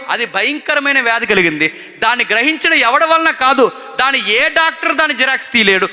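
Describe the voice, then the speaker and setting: A man preaching a sermon, swinging between loud emphatic questions and hushed storytelling. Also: high voice. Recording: long hall reverb.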